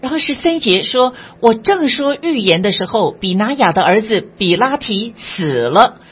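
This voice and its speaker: A woman with a very husky, breathy voice teaches through a passage of scripture. She reads each verse aloud, then explains it with small conversational asides. The recording sounds dull and lo-fi. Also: a little high, big pitch swings, normal speed. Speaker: Bible teacher. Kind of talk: devotional Bible commentary.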